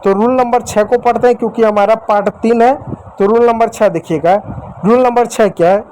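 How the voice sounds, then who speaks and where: A man's voice: extremely high pitch, steady tone, a little fast, a little mellow, a little hiss or hum, poor audio. A man teaching a lesson at a board, repeating each point and quizzing his students with questions. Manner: addresses listeners as dear children and friends.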